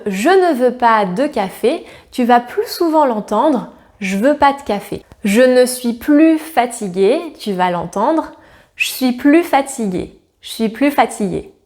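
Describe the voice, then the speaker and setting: A woman with a fairly high voice gives a scripted grammar lesson. She speaks clearly and patiently, slowing down to lay out each example phrase. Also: darkish tone. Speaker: French teacher.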